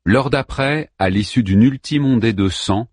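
A man narrating an audiobook with expressive, vivid storytelling. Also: medium pitch, measured pace, no room sound.

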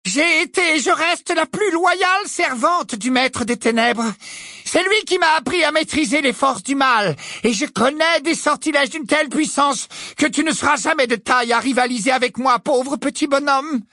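A reader voicing a cruel, gloating witch who taunts and shouts in an audiobook. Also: high-pitched, normal speed, dry recording, clean studio sound, voice pushed up. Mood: menacing taunts. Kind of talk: audiobook character voice.

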